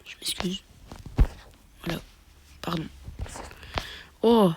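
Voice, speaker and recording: Sniffling with a cold, a man casually commentates his own match into a phone microphone, muttering half-whispered asides and mock boasts. His voice sits high with a darkish tone, he speaks extremely slowly, and a bit of hiss or hum is audible.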